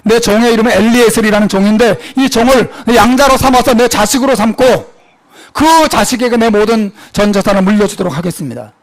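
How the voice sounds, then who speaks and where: A man's voice: high-pitched, a little fast, voice pushed up. A man preaching, putting on an anxious old man who protests and insists on what he wants. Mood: protesting.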